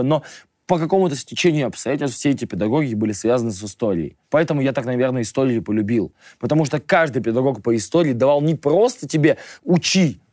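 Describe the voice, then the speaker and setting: A man's voice: medium pitch, a little mellow, dry recording. A man guest in a radio studio interview, talking casually and emphatically, pushing his opinions hard. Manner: emphatic, opinionated, rants with rising force.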